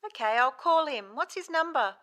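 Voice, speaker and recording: A woman playing a helpful friend on a phone call, asking simple, clear questions in scripted dialogue. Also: high-pitched, expressive, normal speed, pushed and bright.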